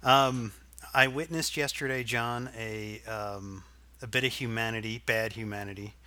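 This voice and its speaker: A man's voice: fairly low pitch, fairly even intonation, measured pace, bright, forceful tone, clear, resonant tone. A middle-aged man from Arkansas, a podcast co-host, telling a rambling, profane story in casual chat.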